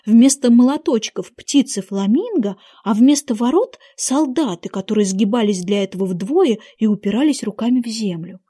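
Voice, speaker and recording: A woman narrating a fairy tale in an expressive, lively reading. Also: fairly high pitch.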